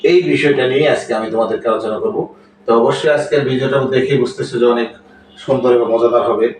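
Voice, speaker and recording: A man teaching a spoken English lesson who explains slowly, repeats his points and checks with "clear?". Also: mid-range voice, recorded from a distance, a little hiss or hum. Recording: very echoey room, voice off-mic.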